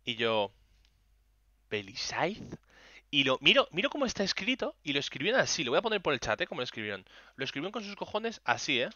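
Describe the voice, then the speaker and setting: A young man from Spain with a very bright, forceful voice tells animated, exasperated stories and swears freely while streaming a game. His accent is clearly Spain Spanish. The sound is dry and a little dull, like a cheap streaming mic. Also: fairly high pitch, rapid-fire, hardly any pauses, no room sound. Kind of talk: casual live-stream chat while gaming.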